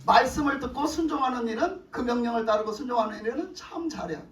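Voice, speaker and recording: Woman pastor preaching, emphatic, high voice, roomy church echo, distant mic. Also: lively intonation, fast. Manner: emphatic, prods the room with rhetorical questions. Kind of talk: sermon. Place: church sanctuary.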